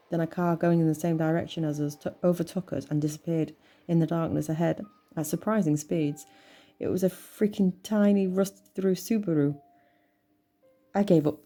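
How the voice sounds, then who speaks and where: A woman reading a horror story aloud in a measured, tense storytelling manner. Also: sits low. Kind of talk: scripted horror narration. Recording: soft music bed under voice.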